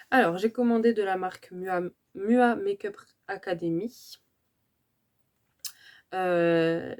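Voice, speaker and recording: A woman's voice: mid-range voice, darkish tone. A woman chatting through a casual beauty unboxing vlog, hesitant and chatty with many fillers and self-corrections. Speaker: beauty vlogger.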